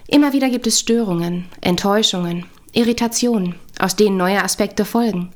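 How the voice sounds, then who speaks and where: A female couples therapist hosts her podcast in a calm, reflective voice. She reads from a script with gentle humor at a steady pitch. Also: fairly quick.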